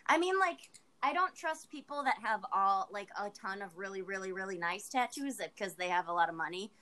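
A woman's voice: medium pitch, lively intonation, fairly quick, bright, forceful tone. A woman co-hosting a casual chat, telling candid, crude dating stories and laughing often.

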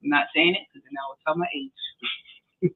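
Co-hosting a podcast, a woman tells casual stories and laughs often as she talks. Her voice is low, husky and steady, and she takes her time. The sound is tinny, like a phone line.

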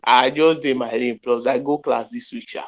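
A young podcast host from Nigeria with a Nigerian accent talks over an internet call, mixing pidgin, English and Yoruba phrases in a casual, joking chat. His voice is medium-pitched with fairly even intonation and a normal speed.

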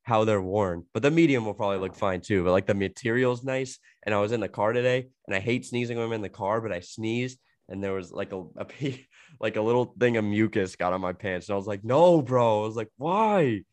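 A young man with a head cold, talking loosely and laughing his way through a podcast chat. His voice sits on the low side, and the sound is dry and close with almost no room around it. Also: fast talker, no echo. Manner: rambling, heavy filler "like", laughs a lot. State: sick with a cold, coughing. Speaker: podcast co-host. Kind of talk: casual chat.

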